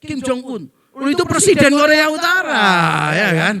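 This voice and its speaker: High bright-voiced joking pastor. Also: male voice, animated, normal speed, no echo, studio quality. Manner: joking storyteller, acts out quoted people. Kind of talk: humorous sermon to a congregation.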